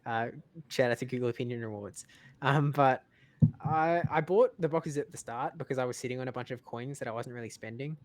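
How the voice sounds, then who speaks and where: Halting, casually rambling man. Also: medium pitch. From lives in Australia. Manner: halting, repeats words as he thinks. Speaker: podcast panelist.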